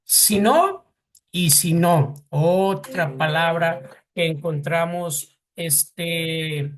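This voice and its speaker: A man's voice: fairly high pitch, extremely slow. A man with a Mexican Spanish accent teaching a class, hesitant, with many fillers and repeated words, asking the students questions. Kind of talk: classroom lecture.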